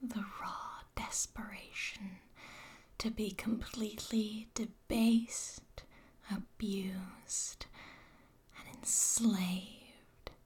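This whispered roleplay features a woman as a controlling, derisive ex-dominatrix who taunts the listener at an unhurried pace. Her voice is mid-range and steady, with a darkish tone.

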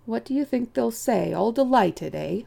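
A woman voicing an elderly male chief rabbit in an audiobook, politely detached and condescending, with a vague, genteel, unhurried manner. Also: fairly high pitch, animated, gravelly, mellow, full character voice. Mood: patronizing. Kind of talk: audiobook character voice.

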